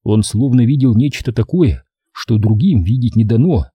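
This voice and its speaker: A man narrating an audiobook in an expressive storytelling manner. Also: medium pitch, moderate pace, husky, dry recording, lo-fi sound. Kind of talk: audiobook reading.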